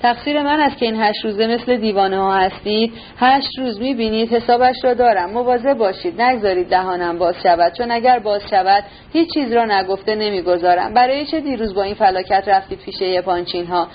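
A woman voicing an angry young man who sneers and shouts. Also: mid-range voice, few pauses, muffled recording, a little hiss or hum, lightly acted. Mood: bitter.

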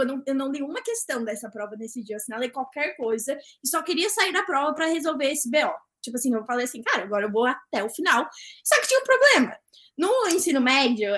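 A young woman, a podcast guest, telling a story in casual chat, animated, acting out the dialogue and laughing often. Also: sits high.

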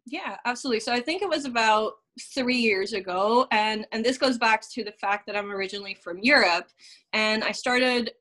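A woman's voice: on the high side, moderate pace, bright, forceful tone. A woman from the Netherlands, in her thirties, chatting as a podcast guest, with many fillers and frequent laughs. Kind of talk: casual interview chat.

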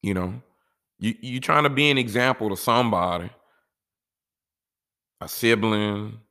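A man's voice: lowish voice, unhurried, bright, forceful tone. A man talking casually and giving life advice in a laid-back, rambling way, often saying "you know".

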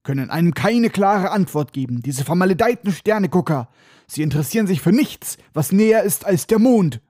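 A man voicing an irritated gamekeeper who grumbles quickly about unhelpful stargazers. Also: high voice, lively intonation, a little mellow, no room sound, studio quality. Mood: grumbling. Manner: grumbling, annoyed.

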